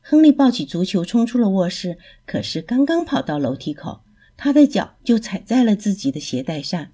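Woman reading a kids bedtime story, soft husky voice, lively. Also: medium pitch, normal speed. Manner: lively expressive narration.

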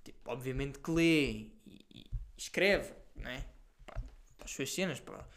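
A man's voice: mid-range voice, normal speed, a bit bright. A young man with a European Portuguese accent, talking casually to his viewers in a rambling, slang-filled monologue. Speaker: podcast host.

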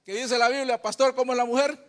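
A man preaching a sermon as pastor, telling lively stories with acted voices and sound effects, calling listeners "brother". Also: very high voice, quick pace, in a large hall. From Honduras. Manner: folksy, addresses listeners as brother.

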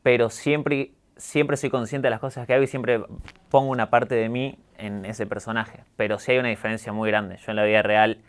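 Calm young Argentine man, smooth voice. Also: mid-range voice, moderate pace. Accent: neutralized Argentine Spanish. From Córdoba, Argentina. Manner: calm, reflective, candid. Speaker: guest, YouTuber. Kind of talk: casual interview talk.

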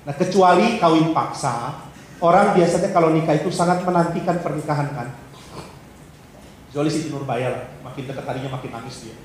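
A man preaching a sermon in a high voice, playful and animated as he acts out little exchanges between characters. His words ring through a very echoey church hall. A faint hiss sits under the recording. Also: fairly quick. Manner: humorous, acts out little dialogues in changed voices. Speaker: pastor.

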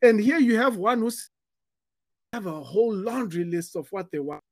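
High-voiced man explaining with analogies. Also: animated, moderate pace, dry recording, studio quality. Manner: explains with analogies, stutters on restarts. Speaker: podcast co-host giving dating advice. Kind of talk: casual conversational podcast.

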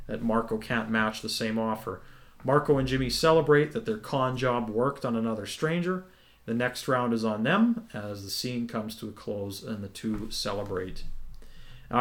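A man co-hosting a podcast, recapping a TV episode in a relaxed, casual way with lots of ums. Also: mid-range voice. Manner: relaxed, many ums, explains at length. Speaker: podcast co-host.

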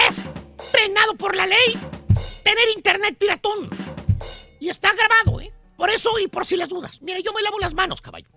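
A man's voice: extremely high pitch, gravelly. A man hosting a comic radio monologue, brash and teasing as he ribs his listeners and co-hosts. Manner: brash, teasing, calls listeners "caballo" and "perro". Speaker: radio comedy host.

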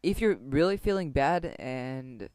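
A young man co-hosting a casual podcast, giving relaxed, reassuring advice with lots of fillers. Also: mid-range voice, a little slow, clean tone, dry recording. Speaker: podcast co-host. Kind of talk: casual chat.

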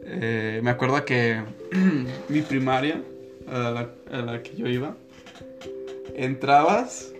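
A young man with a Mexican accent shares personal memories in an unhurried, rambling way. He often corrects himself mid-sentence and breaks into small laughs. Guitar music plays clearly behind his medium-pitched voice. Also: expressive. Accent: Mexican Spanish. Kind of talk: casual personal storytelling.

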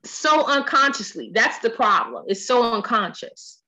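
A woman hosting a podcast in casual conversation, animated and playful. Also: a little high, unhurried. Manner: animated, playful, quotes friends in lively voices. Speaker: podcast host.

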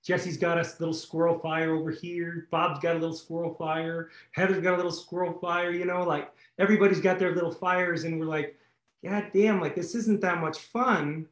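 A man hosts a community video call with upbeat, excitable enthusiasm, repeating himself and breaking into loud bursts at a normal speed. His voice sits a little high, and the sound is roomy and echoey. It's casual, enthusiastic chat.

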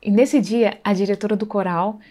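Woman, mid-pitched, earnest storyteller, relays a faith testimony conversationally and checks in with listeners. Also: fairly even intonation, normal speed, warm tone. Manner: earnest, conversational, acts out dialogue, frequent tag questions. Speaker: speaker sharing a faith testimony.

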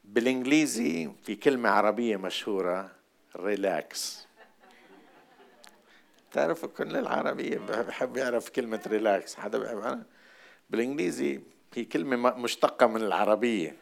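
A man with a Jordanian accent preaching a sermon, shifting between hushed, repeated asides and loud, emphatic lines. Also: mid-range voice, expressive, a little fast, vocal fry. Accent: Jordanian Arabic. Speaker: pastor.

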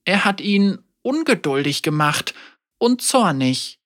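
A storybook reader voicing an elderly woman, a teacher and mother, wry, calm and gently teasing. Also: mid-range voice, slow, voice pushed up.

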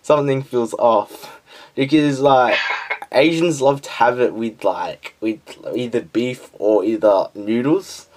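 A man's voice: mid-range voice, slow pace, a little mellow. A man interviewing a guest in a casual chat, talkative and often tripping over his words. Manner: chatty, stumbling, laughs between questions.

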